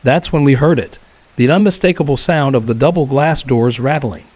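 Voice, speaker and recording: A man reads a scripted true horror story in a calm, measured voice. His pitch sits in the middle of the male range. The sound is dry, with no room echo. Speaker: narrator.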